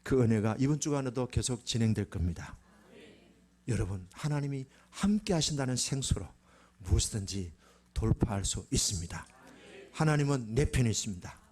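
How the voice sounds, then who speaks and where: A man's voice: medium pitch, animated, normal speed, darkish tone, breathy edge. A male pastor preaching a sermon in a church sanctuary, emphatic and full of rhetorical questions to his congregation.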